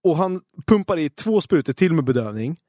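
A young man telling a story in casual podcast chat, animated and full of swearing. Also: fairly high pitch, dry recording, clean studio sound.

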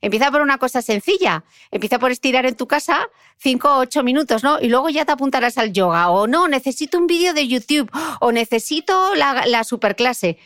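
A woman hosting a podcast conversation. Her voice sits a bit higher, and she talks in a friendly, anecdotal way with tag questions. The sound is dry and close. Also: animated, fairly quick, fairly bright tone, dry recording. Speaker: podcast host. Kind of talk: conversational interview.

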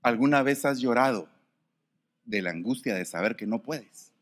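A man preaching a sermon, swinging from soft, quiet passages to sudden shouts. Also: medium pitch, expressive, normal speed.

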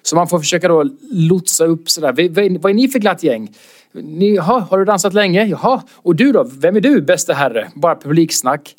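A man, a comedian, telling an anecdote in casual chat and acting out quotes with sudden high-pitched outbursts. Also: expressive, darkish tone. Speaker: comedian guest.

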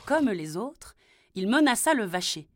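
Slow, expressive woman telling a fairy tale. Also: fairly high pitch. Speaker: storyteller. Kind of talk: reading a children's fairy tale aloud.

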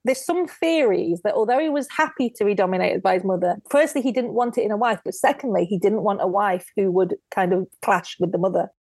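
A woman's voice: medium pitch, a little fast, hardly any pauses, slightly rough, no echo. A woman, a guest author, telling history in a casual podcast interview and acting out quotes as she goes. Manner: lively storyteller who acts out quotes.

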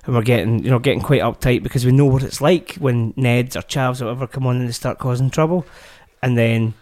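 A man's voice: medium pitch, a little fast, darkish tone. A man with a Glaswegian accent, co-hosting a casual parenting podcast and joking around. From Scotland. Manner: jokey, puts on silly accents, laughs often. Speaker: podcast co-host. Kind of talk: casual chat.

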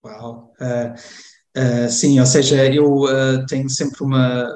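A man's voice: mid-range voice, level tone, a little mellow. Hesitant man in a roomy, echoing space. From Germany, of Portuguese family. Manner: hesitant, halting, self-correcting, often restarting. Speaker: interview guest. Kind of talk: conversational interview.

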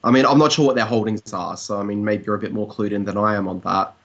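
Australian man, low voice, casual opinionated commentary, conversational, slightly dull lo-fi sound. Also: steady tone, fast talker, vocal fry, a bit bright. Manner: conversational, opinionated, hedging with "I mean". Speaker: TV industry commentator, blogger. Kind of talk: casual discussion.

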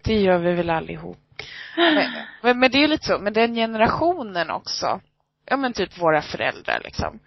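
A woman's voice: mid-range voice, big pitch swings, gravelly, no room sound. A woman telling stories in a casual chat, acting out other people's lines as she goes. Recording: dry, slightly dull lo-fi sound.

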